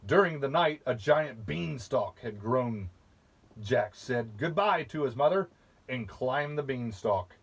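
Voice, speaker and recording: A man reading a fairy tale aloud to children at a very unhurried pace. His voice sits at an ordinary middle pitch, and he stops now and then to chat about the pictures. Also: lively intonation, slightly rough. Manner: slow, patient, with asides about the pictures. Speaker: storybook reader.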